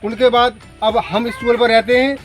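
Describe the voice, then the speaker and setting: A man's voice: extremely high pitch, little pitch movement, fairly quick. A middle-aged man, a farmer, plainly explaining outdoors at a tubewell. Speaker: elder brother, farmer.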